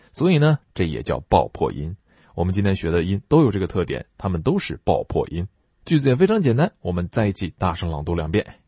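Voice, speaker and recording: A man leads an English pronunciation lesson with a low voice that swings widely in pitch. He stretches out model words and phrases slowly for listeners to repeat. The sound is dry and close, with no room echo. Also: darkish tone, breathy edge. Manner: slow drawn-out model phrases between brisk explanations. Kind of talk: online English lesson with repeat-after-me drills.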